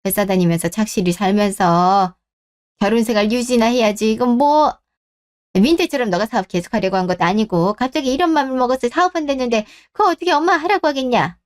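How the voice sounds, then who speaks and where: A woman's voice: a little high, brisk, close to an everyday voice. A woman voicing a blunt, worried middle-aged mother who scolds her son in a radio drama. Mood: scolding. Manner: scolding, exasperated questions.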